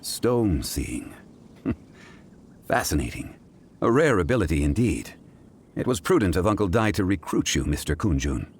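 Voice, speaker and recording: An actor playing a calm, erudite gentleman investigator in a video game, speaking in a measured, formal way. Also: low voice, a little hiss or hum. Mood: thoughtful. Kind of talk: video game character acting.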